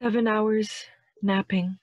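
A woman giving a dramatic reading of a parody carol with theatrical, deliberate phrasing. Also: medium pitch, fairly even intonation, darkish tone, no echo, studio quality.

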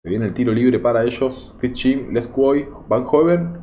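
A man's voice: mid-range voice, normal speed, mellow. A young man with a Rioplatense accent commenting live on a football management game, exasperated and pleading with the game. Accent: Rioplatense Spanish. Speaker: gaming YouTuber.

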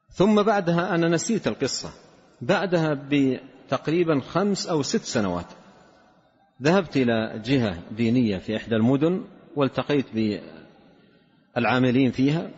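Male preacher, husky, earnest storyteller; dull recording with long hall reverb. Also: medium pitch. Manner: earnest, tells a story and acts out quoted speech. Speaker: Islamic scholar. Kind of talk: sermon storytelling.

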